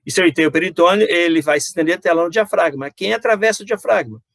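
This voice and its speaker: A man's voice: high-pitched, rapid-fire, creaky, dry recording, clean studio sound. A middle-aged man with a Brazilian Portuguese accent, giving a university anatomy lecture and peppering it with "né?" and rhetorical questions to his students. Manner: explanatory, frequent "né?" and "então", rhetorical questions to students. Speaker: anatomy professor.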